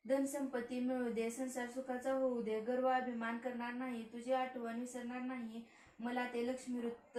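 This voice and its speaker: A woman's voice: on the high side, darkish tone, a little hiss or hum, natural voice. Humble devoted maidservant, read by a woman. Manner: humble, earnest vow-taking. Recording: echoey room, voice from far off.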